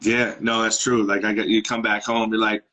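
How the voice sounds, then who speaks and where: A man in his thirties hosting a live interview, talking in a relaxed, rambling way. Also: fairly low pitch, moderate pace, poor audio. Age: 30s. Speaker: podcast host. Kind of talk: casual interview chat.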